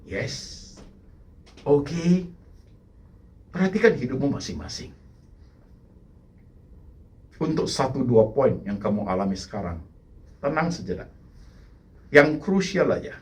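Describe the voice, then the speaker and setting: A middle-aged male pastor preaching with a very animated, rising and falling voice. He climbs to loud, emphatic peaks and then drops to quiet, low asides to the congregation. English phrases are sprinkled through his sermon. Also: takes it slowly, pauses often. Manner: repeats "saudaraku" to address the congregation.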